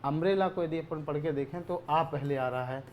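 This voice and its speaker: A male teacher giving a grammar lesson, asking questions and answering them himself, repeating key words, often clearing his throat. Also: a little high, fairly quick, a little mellow, slight background noise.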